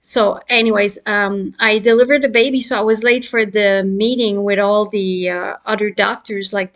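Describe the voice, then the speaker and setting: A middle-aged woman obstetrician giving a casual explanatory talk, chatty, with many fillers and laughs between points. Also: on the high side.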